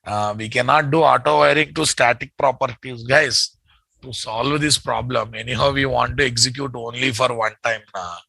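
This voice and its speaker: A man's voice: medium pitch, moderate pace, vocal fry, pushed and bright, breathy edge, no room sound, low-quality recording. A man with a Telugu Indian English accent teaches programming live, thinking aloud, repeating phrases and checking with his students through short questions and tags. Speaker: programming instructor.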